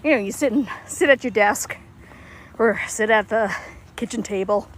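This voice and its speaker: A woman talks through a phone as she walks outdoors, slightly winded, her voice a touch higher than most. She rambles in a relaxed, chatty way, laughing often, with faint outdoor noise behind her. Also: normal speed, low-quality recording. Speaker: livestream host. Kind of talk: casual livestream chat. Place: outdoors, walking.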